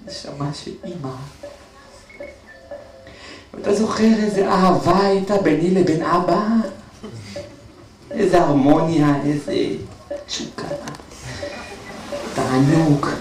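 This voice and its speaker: A man's voice: sits high, noisy background. An actor on stage playing a doting, theatrical mother who coaxes her son. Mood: fond. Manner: fond, theatrical, pleading. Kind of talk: one-man stage comedy. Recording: echoey theater from a distance, with music.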